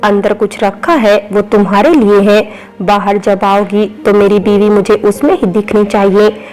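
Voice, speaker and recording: A woman reading the lines of an affectionate, teasing young husband in a storybook romance, in a flat, even voice. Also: medium pitch, unhurried, lightly acted, poor audio. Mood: playful.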